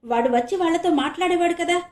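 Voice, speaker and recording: A woman's voice: extremely high pitch, quick pace, darkish tone, reverberant, pitched above the performer's own voice. A woman voicing an anxious middle-aged father who speaks with agitated urgency. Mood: worried.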